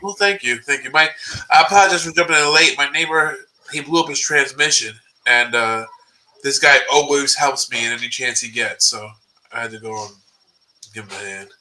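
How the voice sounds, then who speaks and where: A man co-hosting a laid-back podcast, his voice piercingly bright and thin, as if spoken from inside a tin can. A faint hiss sits under the metallic, tinny remote feed. He jokes along easily in a relaxed tone. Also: mid-range voice, a little fast. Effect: tinny, tin-can sounding mic. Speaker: podcast co-host. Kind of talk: casual chat.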